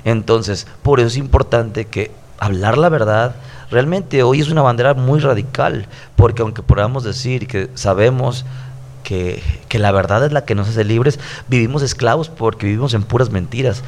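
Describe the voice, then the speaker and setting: A man's voice: medium pitch, normal speed, darkish tone. A man in his thirties with a Mexican accent, a pastor who preaches conversationally on a podcast and repeats his points earnestly. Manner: earnest, preachy, stacked repetitions.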